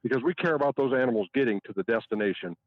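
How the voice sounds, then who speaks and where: Older trucker calling in, opinionated and ranting, muffled phone-like line, dry. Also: male voice, medium pitch, racing, dry recording. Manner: ranting, opinionated, repeats himself. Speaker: livestock truck driver and fellow show host. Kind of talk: phone-in chat. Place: outdoors at a truck loading site.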